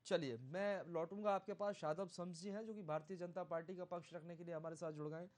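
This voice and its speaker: Pointed, pressing news anchor. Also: male voice, sits high, fast talker. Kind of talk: TV debate moderation.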